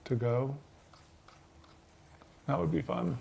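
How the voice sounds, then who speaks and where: Man, casual livestream chat, co-host, frequent throat clearing, rambling fillers. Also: medium pitch, takes it slowly, a little mellow.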